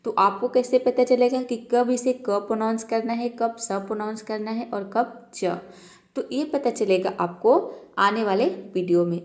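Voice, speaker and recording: A woman's voice: fairly high pitch, darkish tone. A woman teaching English pronunciation in a classroom-style lesson, patiently repeating points and drawing out example words one by one. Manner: slow, drawn-out word-by-word pronunciation drills.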